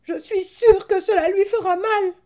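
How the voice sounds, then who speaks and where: A woman playing a tender-hearted little boy in a story, speaking in a shrill, tearful, pleading way. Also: a little slow, mellow. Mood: sobbing.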